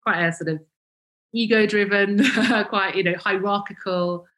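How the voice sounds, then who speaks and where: An unhurried woman with a mid-range, slightly bright voice appears as a guest in a reflective interview. In her 40s and from Cambridgeshire, England, she founded a vegan brand and talks about it self-deprecatingly, hesitating with lots of ums and false starts.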